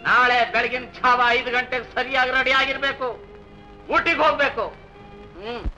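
A man's voice: extremely high pitch, fairly even intonation, normal speed, bright, forceful tone, full character voice. An actor playing a bossy, impatient middle-aged husband and father who scolds his wife. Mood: grumbling. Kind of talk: 1960s film acting. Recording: dull old film soundtrack with music.

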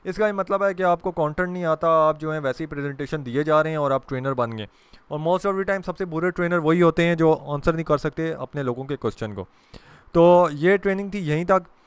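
A man's voice: on the high side, clean tone, no room sound. A young adult man from Pakistan giving a training lecture to camera, explaining patiently with English terms mixed into his speech and occasional fillers. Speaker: corporate trainer.

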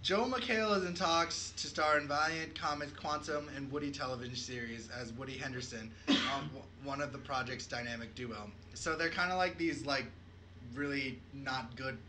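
A man's voice: a little high, normal speed, pushed and bright, a little hiss or hum, poor audio. A man hosting a casual news podcast, laughing often and swearing while he retells stories. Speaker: podcast host.

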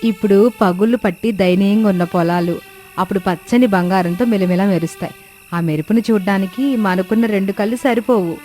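A woman's voice: mid-range voice, moderate pace, darkish tone, faint music behind, lightly acted. Devoted village wife, anxious and pleading; a woman voices her, cartoon story. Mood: joyful.

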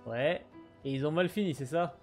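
With light game music behind him, a gaming streamer casually narrates his let's play, talking to viewers and reading on-screen text aloud in a mutter. He speaks at a moderate pace in a slightly high, darkish voice.

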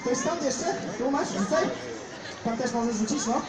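A young man performing as a street juggler, joking with the crowd and giving quick instructions to volunteers in an outdoor square. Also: very high-pitched, lively intonation. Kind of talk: live street show patter to a crowd. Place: large outdoor town square with a big crowd. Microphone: no mic, caught by a phone camera in the audience. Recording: distant, echoey, loud crowd noise.

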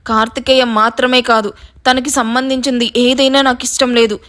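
A woman voicing an angry, proud young woman in a hospital bed who shouts sharp commands. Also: fairly high pitch, level tone, normal speed, close to an everyday voice.

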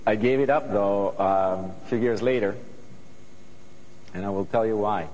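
He's a Greek-accented, middle-aged guest composer from Greece, earnestly and thoughtfully addressing a student audience on a studio stage through a lapel mic and frequently restarting. His lowish, darkish voice moves a little slowly. The rough recording sounds like a big room.

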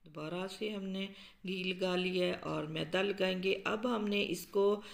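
Gravelly-voiced woman explaining a recipe. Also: fairly low pitch, unhurried. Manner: calm, explanatory, with frequent um fillers. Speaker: cooking show host. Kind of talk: step-by-step cooking instructions. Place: home kitchen.

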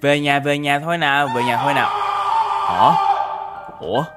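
Lively young man. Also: fairly high pitch, fast, heavy background noise. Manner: lively, exclaiming, chatty. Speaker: gaming YouTuber. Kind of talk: game story narration. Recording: faint background music.

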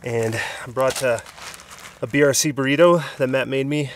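Background noise accompanies this casual summit vlog by a Southern California man in his thirties. He talks to a handheld camera at arm's length in a mid-range voice, steady in tone and moderate in pace, tired from the hard hike yet chatty and quick to laugh.

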